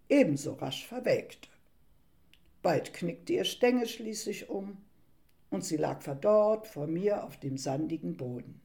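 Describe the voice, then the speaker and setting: Calm woman reading a bible story then musing on it, slow, mellow tone. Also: medium pitch. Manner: calm and reflective. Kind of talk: retelling a Bible story with reflection.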